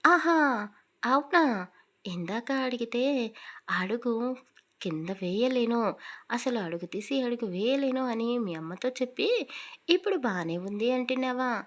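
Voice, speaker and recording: A woman's voice: fairly high pitch, moderate pace, lightly acted. Woman doing a teasing young husband.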